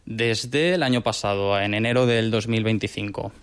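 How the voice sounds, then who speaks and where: A man in his twenties from Madrid, a doctoral researcher explaining his work in a lab in a measured, patient way with small restarts. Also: on the low side, clean tone. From Madrid, Spain. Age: 20s. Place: research laboratory.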